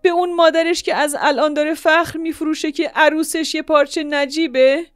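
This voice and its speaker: A woman's voice: no room sound, clean studio sound, lightly acted. A woman playing a wailing distraught mother. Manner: wailing, shrill, crying out. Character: distraught middle-aged mother, wailing in shame.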